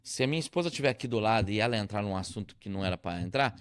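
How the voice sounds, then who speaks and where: A man's voice: fairly low pitch, very fast, clean tone, no room sound, studio quality. Laughing man telling stories. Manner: animated storyteller, laughs often. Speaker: pastor and podcast host. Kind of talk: casual chat with anecdotes.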